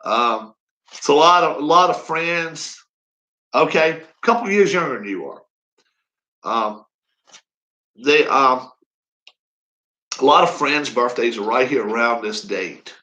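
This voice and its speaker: A man's voice: mid-range voice, animated, a little slow, long pauses, bright, forceful tone, low-quality recording. Rambling folksy man in his fifties. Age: 50s. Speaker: racing league streamer. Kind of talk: casual live-stream chat.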